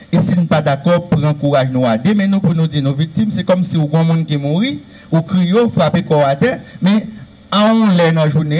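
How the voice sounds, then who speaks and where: A man with a Haitian Creole accent speaks in a lecture-style talk. His voice is mellow and sits a little high. He presses his points through long, earnest, repeated lists. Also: husky, low-quality recording. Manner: earnest, repetitive, emphatic listing.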